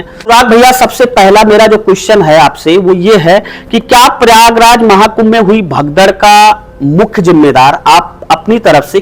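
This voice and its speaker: A man's voice: high voice, poor audio. A man hosting an interview, asking earnest, formal questions. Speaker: host.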